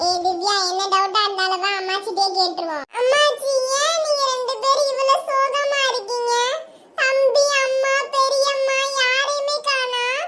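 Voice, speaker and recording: A woman's voice: very high-pitched, level tone, moderate pace, pushed and bright, soft background music. A woman voicing an anxious little girl in a cartoon, pleading and tearful. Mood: worried. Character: anxious little girl, worried about her brother.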